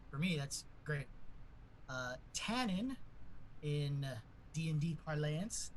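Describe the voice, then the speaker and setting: A man's voice: fairly high pitch, slight background noise, low-quality recording. A man casually introducing himself and his character as a player in a tabletop game. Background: music.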